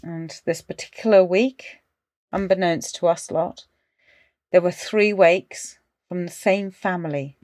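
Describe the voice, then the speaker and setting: A middle-aged woman hosting a podcast and casually telling her own ghost story, animated but dropping to hushed tones for suspense. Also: fairly low pitch, a little slow, no echo, clean studio sound. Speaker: podcast host.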